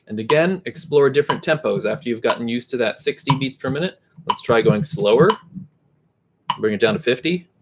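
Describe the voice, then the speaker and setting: A middle-aged man teaching guitar at home in a relaxed, casual way, chanting rhythm syllables to show the tempo. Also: mid-range voice, brisk. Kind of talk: casual instructional talk. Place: home room. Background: faint metronome clicks and guitar.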